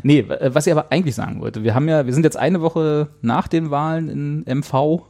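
A man's voice: a little high, a little fast, mellow. A man hosting a casual talk show, rambling thoughtfully with many fillers and restarts. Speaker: show host. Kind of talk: casual chat.

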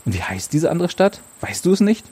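A man reading the part of a lively, quick-witted teenage girl, teasing and curious. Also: high voice, breathy edge, voice pushed up, heavily acted.

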